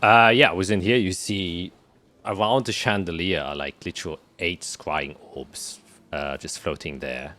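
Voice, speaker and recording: A man narrating as game master of a tabletop game, describing scenes with many pauses and fillers. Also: sits low, pushed and bright, slight background noise. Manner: hesitant, filler-heavy describing.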